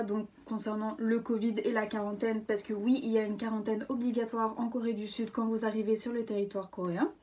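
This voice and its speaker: A woman's voice: a little high, a little mellow, recorded from a distance. Chatty young Frenchwoman, rambling vlog. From France. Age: 20s. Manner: chatty, rambling, lots of fillers and self-corrections. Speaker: vlogger. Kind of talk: casual explainer vlog.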